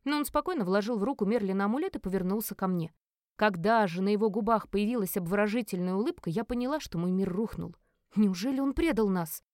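A woman narrates a first-person fantasy novel with an expressive, dramatic reading. Her voice sits at an ordinary pitch. The recording is dry, with no room sound. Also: fast, no echo. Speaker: audiobook narrator.

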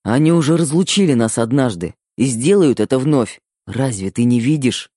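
A man's voice: mid-range voice, animated, normal speed, mellow, no echo, clean studio sound, lightly acted. A man voicing a tough, blunt husband in an audiobook, speaking in coarse, plain words. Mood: angry. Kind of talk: audiobook character voice.

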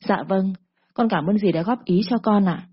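A young woman of twenty-one pleads through her tears, voiced by a woman narrating a story. The voice is husky and the recording dull. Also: mid-range voice, moderate pace, lightly acted. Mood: polite. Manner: tearful, pleading.

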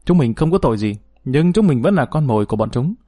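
A man's voice: medium pitch, expressive, fast talker, warm tone, no echo, natural voice. A man voicing a confident, protective leader who speaks in an easy-going, assured way, recorded dry. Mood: serious.

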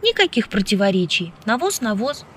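A woman's voice: mid-range voice, sing-song, normal speed, a little hiss or hum, natural voice. A woman reading an audiobook, voicing a bold, flirtatious, outspoken woman who teases freely. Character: brash, lively flirtatious woman scientist.

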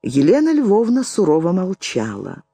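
A woman reading a classic novel aloud as an audiobook narrator, with expressive, varied intonation. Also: lowish voice, moderate pace, husky, no echo.

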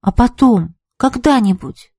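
A woman voicing a shy, earnest teenage boy in a storybook reading, speaking in a hesitant, halting way. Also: fairly high pitch, animated, a little mellow, slightly rough, no room sound, studio quality, voice pushed up, heavily acted.

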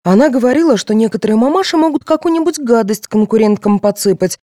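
A woman's voice: fairly high pitch, lively intonation, fast, dark tone, no room sound, studio quality. A woman reading a detective novel aloud as narrator, lifting her voice to act out each character. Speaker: audiobook narrator.

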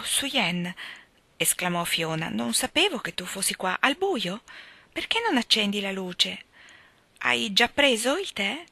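Bright-voiced woman reading a novel. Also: no room sound. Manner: expressive, lifts her pitch for characters' lines. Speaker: reader of a novel.

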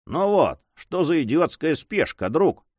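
A man's voice: a little high, big pitch swings, unhurried, a little mellow, no room sound, pitched above the performer's own voice. A man voicing a grumbling, sleepy male servant who talks bluntly and exclaims a lot. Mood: exclaiming.

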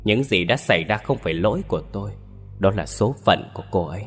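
A man voicing a calm, cold stranger from the spirit world who speaks flatly. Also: fairly low pitch, quick pace, soft background music, lightly acted. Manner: cold, flat.

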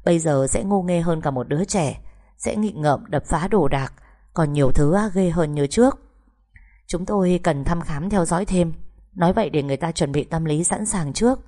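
A woman reading the part of a calm, frank hospital doctor who explains things in a measured way. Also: low voice. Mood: grave.

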